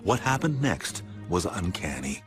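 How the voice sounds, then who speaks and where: A man giving scripted documentary narration in a measured, dramatic storytelling manner. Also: sits low, very animated. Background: music underneath.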